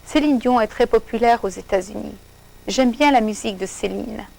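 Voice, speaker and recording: A woman's voice: on the high side, moderate pace, creaky, a little mellow, low-quality recording. Anne, a shy and polite American teenage girl in a storybook, speaks in simple, careful phrases, as a woman reading the story puts her on. Her voice sits a little above a plain reading voice.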